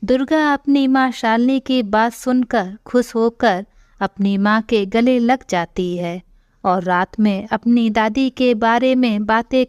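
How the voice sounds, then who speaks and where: A woman narrating a scripted family story in a calm, unhurried way. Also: a little high, clear, resonant tone, no echo, highs cut off.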